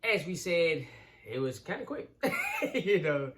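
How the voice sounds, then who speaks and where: A man's voice: a little high, huge pitch swings, slow, a bit bright. Laid-back man chatting about wrestling. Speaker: co-host of a wrestling reaction channel. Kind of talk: casual chat.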